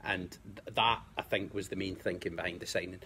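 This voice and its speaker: A man with a Scottish accent, a guest pundit in a casual football chat, talking in a measured way and repeating words as he finds his point. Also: low-pitched, fairly even intonation, bright, forceful tone, a little hiss or hum.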